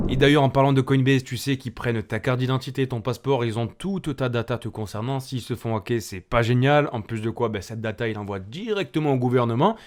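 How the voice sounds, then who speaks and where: A French-accented man talks through charts in a loose, chatty way, addressing the viewer directly. His voice sits at an ordinary middle pitch for a man. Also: a little mellow. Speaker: crypto channel host. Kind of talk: casual market commentary to camera.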